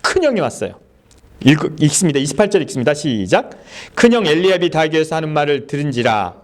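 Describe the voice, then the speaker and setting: A male pastor delivering a sermon in a church service, voice a little high for a man. He talks in a very animated way, with wide swings in pitch. He keeps throwing questions at the congregation. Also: fast. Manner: animated, quizzes the congregation, laughs often.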